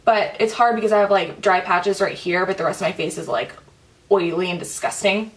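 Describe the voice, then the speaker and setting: A young woman beauty vlogger chats casually through a makeup tutorial at home, her talk packed with fillers like "um" and frequent "like." Her mid-range voice moves a little fast and sounds far from the mic.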